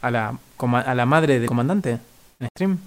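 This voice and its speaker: A man with a Rioplatense Argentine accent hosting a stream, asking questions in halting, filler-heavy phrases. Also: mid-range voice. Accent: Rioplatense Spanish. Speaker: stream host. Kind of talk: casual interview on a stream.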